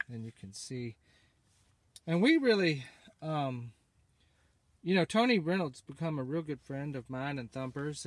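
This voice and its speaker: A man co-hosting off camera, casually chatting about outdoor gear and prompting a child, recorded on a handheld phone in a small hunting blind. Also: medium pitch. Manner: prompting a child with leading questions. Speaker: off-camera interviewer and co-host.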